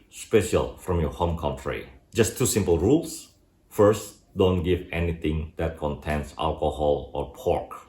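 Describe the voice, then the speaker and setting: Very deep-voiced Indonesian-accented man. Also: darkish tone. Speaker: YouTube host. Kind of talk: scripted advice video narration. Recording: roomy indoor echo.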